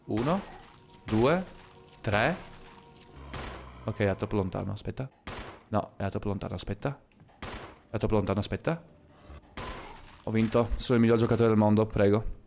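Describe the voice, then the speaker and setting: A man streaming a horror game, commenting live and swearing, jumping from low muttering to yelling. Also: creaky, faint music behind. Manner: swearing, excitable, quick shifts from muttering to yelling. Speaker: gaming streamer.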